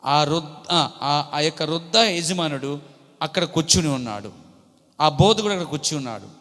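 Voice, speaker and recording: A man with a Coastal Andhra Telugu accent preaching a sermon in church, with polite tags on his sentences and swelling louder on key phrases. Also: fairly high pitch, animated, normal speed. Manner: polite "andi" tags throughout. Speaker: pastor. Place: church hall. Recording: long reverb of a church hall.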